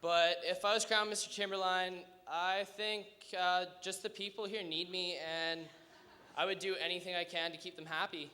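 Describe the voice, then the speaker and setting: A man's voice: high voice, flat delivery, normal speed, pushed and bright. A young man, a pageant contestant, giving a joking, mock-earnest answer on stage in an echoey hall.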